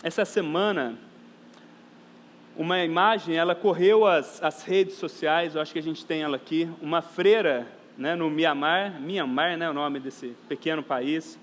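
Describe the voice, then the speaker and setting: A man's voice: on the high side, unhurried, a bit bright. A man with a Brazilian Portuguese accent preaching a sermon as pastor, earnest and emphatic, repeating phrases for stress and addressing the congregation as brothers and sisters. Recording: reverberant church hall, faint background noise.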